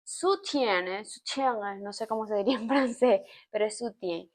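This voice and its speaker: A woman from Venezuela with a Venezuelan accent, chatting to camera in an expressive, explaining way, with laughs. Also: a little high, moderate pace. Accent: Venezuelan Spanish. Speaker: vlogger. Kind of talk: casual storytime chat to camera.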